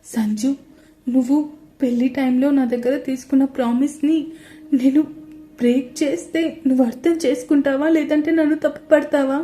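A woman's voice: high-pitched, fairly even intonation, moderate pace, warm tone, natural voice. A woman voicing an upset, tearful young wife pleading with her husband in an audio story.

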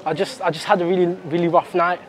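High-pitched young man, London roadman accent. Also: little pitch movement, fast talker, husky. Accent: London, urban roadman slang style. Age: 20s. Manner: brash, slangy roadman delivery. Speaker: prank vlogger. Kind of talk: casual street prank banter. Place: large clothing store and shopping centre.

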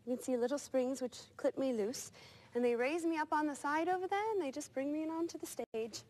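An actress playing a polite, proper, cheerful nanny in a live TV interview. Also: female voice, high voice, a little fast, a little mellow, lightly acted, low-quality recording. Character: cheerful prim nanny, adult woman. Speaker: stage actress in character.

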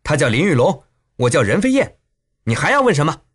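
A man voicing a fiery, quarrelsome young swordswoman in an audiobook, sharp and scolding. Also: on the high side, big pitch swings, brisk, breathy edge.

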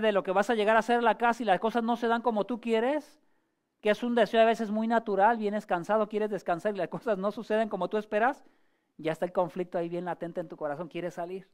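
A male pastor giving a sermon in a conversational way, asking the congregation rhetorical questions and often pausing or restarting his phrases. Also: sits high, smooth. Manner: frequent hesitations and restarts.

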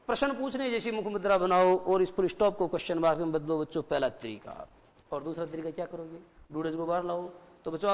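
Male teacher with an Indian English accent, slightly high voice, explains and repeats, lots of rhetorical questions, dull sound with a long echo. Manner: explains in Hindi with English examples, often addresses children. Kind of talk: classroom grammar lesson. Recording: dull reverberant broadcast sound.

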